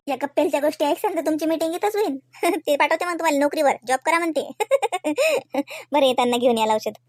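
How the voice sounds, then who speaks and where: A woman's voice: sits high, animated, normal speed, dry recording, clean studio sound. Homely woman in a comedy sketch. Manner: homely, gently scolding.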